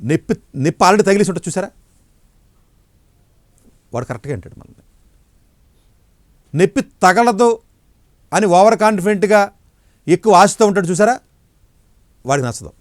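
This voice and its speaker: A middle-aged man, an education counselor, giving blunt, forceful answers in an interview. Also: high voice, animated, moderate pace, pauses often, no echo, clean studio sound.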